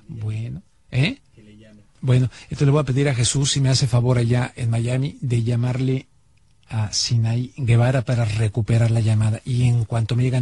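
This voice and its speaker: A man's voice: medium pitch, a little mellow, breathy edge, no echo. A man hosting a broadcast talk show from a studio, asking direct, pressing questions. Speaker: radio talk show host.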